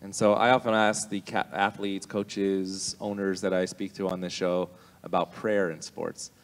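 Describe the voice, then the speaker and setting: Low, even-voiced man hosting in a hall. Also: moderate pace. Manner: steady, inquisitive questioning. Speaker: rabbi and show host. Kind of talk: live interview on stage. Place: large sanctuary hall. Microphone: handheld microphone. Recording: long hall reverb.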